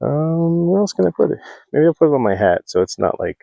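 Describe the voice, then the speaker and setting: A man's voice: fairly high pitch, sing-song, brisk, gravelly, no echo, muffled recording. Man thinking aloud while working outdoors. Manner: rambling, thinking aloud with fillers. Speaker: homesteading vlogger. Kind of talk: casual talk while working. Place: outdoors at a homestead. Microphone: small clip-on mic close to the mouth.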